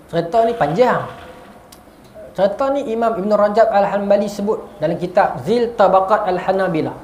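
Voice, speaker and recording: A man with a Malaysian Malay accent delivers a lively religious lecture, often pausing to check in with his listeners. His voice rings in an echoey room over a faint hiss. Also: high voice. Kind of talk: mosque lecture.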